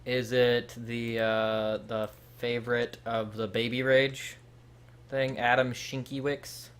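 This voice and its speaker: A young man hosts a live stream in a relaxed, chatty way. He talks straight to viewers and answers them by name, at an ordinary middle pitch. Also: slow, clear, resonant tone. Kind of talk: casual live-stream chat.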